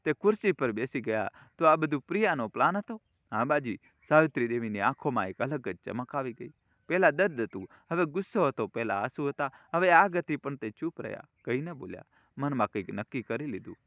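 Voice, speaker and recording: Sex: man. Role: storyteller. Style: dramatic storybook narration, measured. Pitch: mid. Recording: dry. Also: animated, a bit bright, dry recording.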